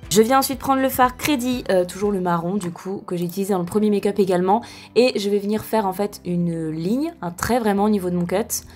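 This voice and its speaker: A woman's voice: medium pitch, fairly quick. Young female beauty vlogger, casual and chatty voice-over, often corrects herself, faint music underneath. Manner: chatty, with frequent fillers and self-corrections. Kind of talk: casual makeup tutorial voice-over.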